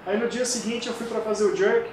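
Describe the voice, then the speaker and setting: A man's voice: high-pitched, fairly quick. A man in his forties, a kettlebell sport coach, telling stories animatedly in a casual interview, recorded far from the mic in an echoey room with background noise. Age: 40s. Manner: animated storytelling, acts out quoted voices.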